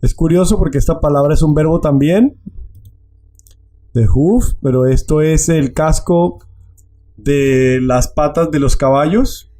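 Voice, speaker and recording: A man leads a language lesson at an unhurried, deliberate pace. His voice is mellow and sits a little high. He explains patiently and says each word again so learners can follow. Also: soft background music. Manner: slow, patient explaining, repeating words to drill them. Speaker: Dutch language teacher. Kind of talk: online language class.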